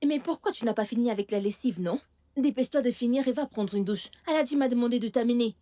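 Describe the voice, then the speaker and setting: A woman dubbing a stern, sharp-tongued aunt into French for a Nigerian film. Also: fairly high pitch, fast, lightly acted. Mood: scolding. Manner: scolding and impatient. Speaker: aunt of a young girl.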